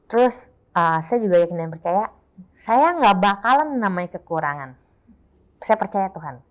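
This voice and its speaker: A woman's voice: medium pitch, moderate pace. Woman sharing a heartfelt testimony. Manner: emotional, repeats herself, quotes others in lively voices. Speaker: guest sharing her testimony. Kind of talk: casual personal testimony.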